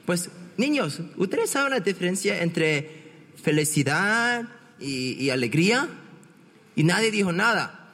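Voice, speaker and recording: High-voiced man preaching in a hall. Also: very animated, unhurried, fairly bright tone. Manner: conversational, asks the congregation questions, many restarts. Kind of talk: bilingual sermon. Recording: reverberant church hall.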